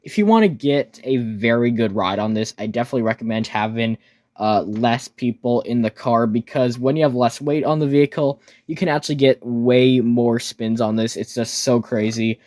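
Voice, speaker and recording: A man delivers casual voice-over commentary as an amusement park ride reviewer. His pitch sits in the middle of the male range, and he talks informally with keen interest. The recording is dry, with little room sound. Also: normal speed, darkish tone, dry recording.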